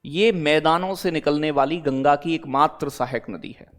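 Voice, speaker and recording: Male exam-prep teacher with a slightly high voice, casual and blunt, keeps asking the class if they follow. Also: normal speed. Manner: addresses students as beta and bhai, repeats "theek hai bhai?"; digresses into blunt talk, then back to teaching. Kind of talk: live online class, chatty lecture.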